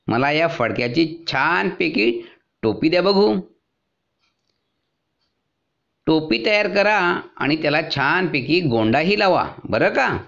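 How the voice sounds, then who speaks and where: A man's voice: a little high, sing-song, measured pace, creaky, fairly bright tone, muffled recording, voice pushed up, exaggerated voice. A man voicing a cheeky, pestering little male mouse from a storybook, chanting his lines in a sing-song way. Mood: pleading.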